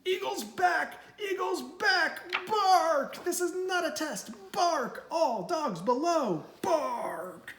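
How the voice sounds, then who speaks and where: A loud, bossy male prairie dog with a high, snarling bark, as a woman reads him aloud. He shouts in a sharp storybook voice, and a roomy echo hangs around it. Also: animated, slow, hardly any pauses, a little hiss or hum, exaggerated voice. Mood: alarmed shouting. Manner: snarling, barking. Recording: echoey room.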